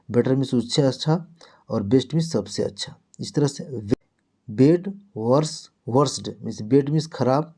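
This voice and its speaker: A man's voice: medium pitch, dark tone, husky. A man teaching a grammar lesson in Hindi, reciting word lists in a drilling rhythm and answering his own questions. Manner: asks questions and answers them himself.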